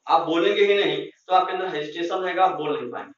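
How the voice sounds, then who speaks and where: Encouraging Indian teacher in echoey room. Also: male voice, fairly high pitch, quick pace, a little hiss or hum. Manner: encouraging, urges viewers. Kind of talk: encouraging classroom talk. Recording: echoey room from far off, dull sound.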